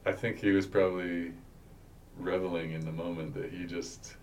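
A man answering questions as a witness, halting and unsure, often restarting his sentences. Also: sits low, level tone, a little mellow. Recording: distant mic with faint noise.

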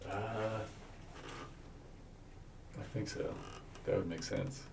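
A man answering questions as a witness, halting and unsure, often restarting his sentences. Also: on the low side, steady tone, vocal fry. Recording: distant mic with faint noise.

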